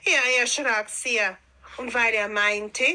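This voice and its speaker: A woman reading a fairy tale aloud in a calm, unhurried storytelling manner. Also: fairly high pitch.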